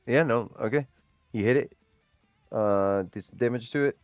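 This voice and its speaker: A man's voice: medium pitch, measured pace, no echo, highs cut off, faint music behind. A man acting as game master, explaining dice rules in a loose, rambling way. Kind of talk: running a tabletop game on stream.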